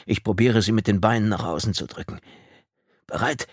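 A man's voice: fairly low pitch, fairly quick, husky, dry recording, studio quality. Man voicing a shaken, injured crash survivor. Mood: steadying. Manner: shaken, trembling. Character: frightened injured man in wreckage.

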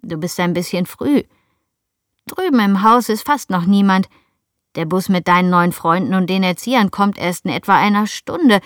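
A woman doing a gentle old gardener. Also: medium pitch, moderate pace, no room sound, clean studio sound, natural voice. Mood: kindly. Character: kindly old male gardener.

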